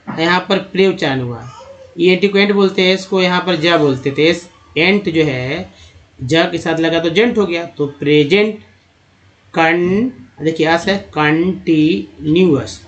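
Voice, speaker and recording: A man's voice: fairly high pitch, fairly bright tone. A man teaching how to read English, spelling out letters and sounding out words, and calling his viewers friends. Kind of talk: spoken phonics lesson. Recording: dull lo-fi voice recording.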